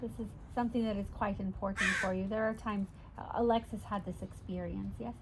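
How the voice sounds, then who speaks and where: A woman's voice: medium pitch, steady tone, brisk, natural voice. Woman as a channeled spirit guide, noisy recording. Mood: instructive, patient. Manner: formal unusual syntax, ends statements with questioning "yes?". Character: Simon, a channeled non-physical spirit guide, patient teacher. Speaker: trance channel answering questions. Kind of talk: trance channeling, seance medium addressing sitters. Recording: noisy ambient recording with birdsong. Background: birds calling, ambient noise.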